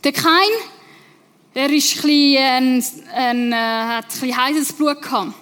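Woman preacher, Swiss German accent, high voice, conversational sermon, long hall reverb. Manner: lively, conversational, sometimes slowing for emphasis.

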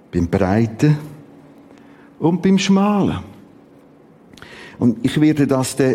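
A male preacher with a Swiss German accent delivers a sermon in an unhurried, deliberate tempo. His fairly high voice swings dramatically up and down, and he repeats words for emphasis. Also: warm tone, breathy edge. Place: church service.

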